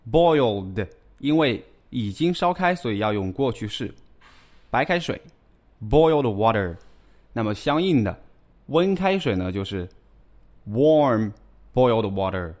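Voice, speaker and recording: A man teaching English vocabulary in a scripted lesson, repeating each word carefully. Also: medium pitch.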